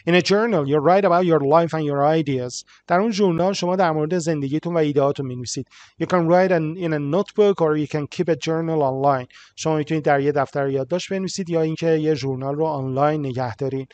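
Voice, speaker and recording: A man with a Persian accent teaching an English writing lesson. He reads each English line slowly and clearly, then translates it quickly with small fillers. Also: fairly high pitch, darkish tone.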